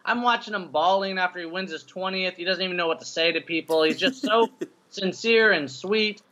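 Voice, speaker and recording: A man's voice: high voice, fairly quick, sharp tone. A man co-hosting a casual sports chat, playful and enthusiastic, laughing often. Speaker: co-host. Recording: dull lo-fi sound.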